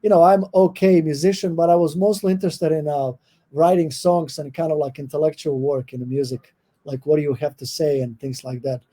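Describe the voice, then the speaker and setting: The speaker is a guest professor, a middle-aged Croatian man with a Croatian accent, answering podcast interview questions thoughtfully. His voice is on the high side yet dark, with a steady tone, and he frequently pauses on fillers and restarts.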